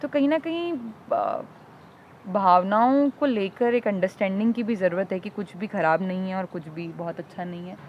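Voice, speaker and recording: A woman's voice: medium pitch, normal speed. A woman from India speaking earnestly and personally as a podcast co-host, mixing English words into her speech. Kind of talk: conversational podcast talk. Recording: dull lo-fi audio with faint traffic noise.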